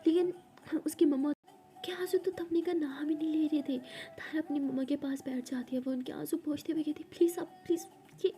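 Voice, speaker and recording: Woman storyteller, high mellow voice, soft intimate narration. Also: steady tone, brisk.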